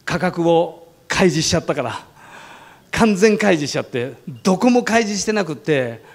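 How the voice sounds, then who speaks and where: A man who founded a funeral company, telling a story about his business in a lively way, often laughing and acting out the voices of others. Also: high voice, moderate pace. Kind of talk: animated storytelling talk.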